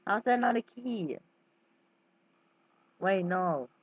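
An excitable, exasperated gamer thinking aloud in short blurted guesses and complaints while playing. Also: medium pitch, slow, slightly rough, no echo, lo-fi sound. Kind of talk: gaming commentary, thinking aloud. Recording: noisy home recording with clicks.

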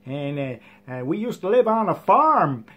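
A man's voice: high voice, very animated, a little slow, fairly bright tone, exaggerated voice. A man playing an earnest ghost hunter in a parody news interview, rambling, hesitant and repeating himself. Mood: earnest, reminiscing. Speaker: paranormal investigator guest. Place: TV studio couch.

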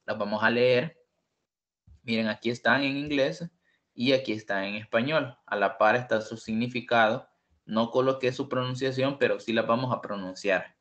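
A man's voice: medium pitch, fairly bright tone. A man teaching an online English lesson, patiently repeating each word several times. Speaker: English tutor.

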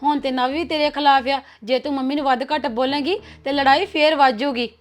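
A young actress playing a cautious, gossiping elder sister-in-law who talks in a confiding manner. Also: female voice, high-pitched, fairly even intonation, fairly quick, close to an everyday voice. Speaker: actor. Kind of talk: web series drama acting.

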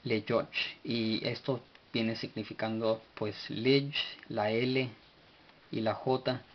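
A man's voice: medium pitch, level tone, slow pace, lo-fi sound, a little hiss or hum. A man teaching an informal study lesson, spelling out words letter by letter, stopping to correct himself and chuckling now and then. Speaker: teacher of a religious study group.

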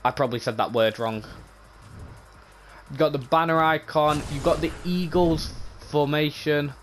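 A man giving casual, rambling commentary on game items, often repeating himself, with a voice going hoarse. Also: a little high, steady tone, normal speed, soft background music. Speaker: gaming channel host.

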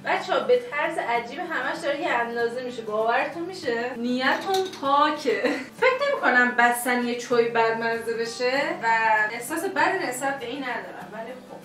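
Woman vlogger, high bright-pitched voice, playful and giggly, roomy kitchen heard from a distance over music. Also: animated. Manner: playful, giggly, talks to camera audience. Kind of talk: casual vlog chat to viewers.

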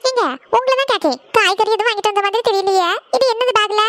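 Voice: extremely high pitch, quick pace, fairly bright tone, dry recording, clean studio sound. A performer voicing a busy mother who scolds her daughters and questions her husband. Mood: fussing.

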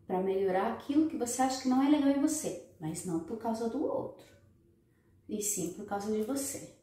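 A woman with a slightly high, warm voice, lively intonation and a brisk pace gives viewers emphatic, repetitive relationship advice in a motivational talk aimed straight at them. She sits far from the mic in a very echoey room.

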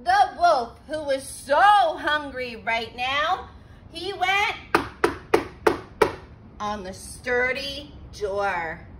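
A woman teacher reading a children's story aloud, expressive and stopping to explain words for kids. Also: sits high, drawn-out words, long pauses, very noisy.

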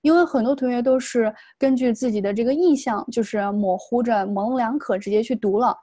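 A woman's voice: on the high side, dark tone, breathy edge, dry recording. A woman, teaching an online exam-prep lesson in a patient, explanatory way. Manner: patient, explanatory, models English words slowly. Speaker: English test tutor.

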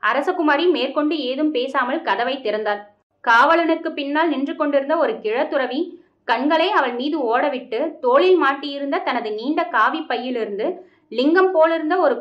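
High-voiced woman narrating a novel. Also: normal speed, dull audio. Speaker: narrator reading a novel aloud. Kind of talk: scripted narration of a historical novel.

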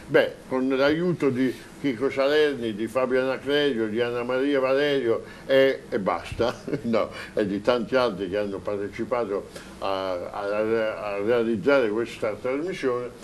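A man's voice: medium pitch, unhurried, a little hiss or hum, low-quality recording. Chatty man hosting a TV studio evening. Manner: chatty and joking, with fillers. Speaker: TV host. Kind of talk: live studio presenting.

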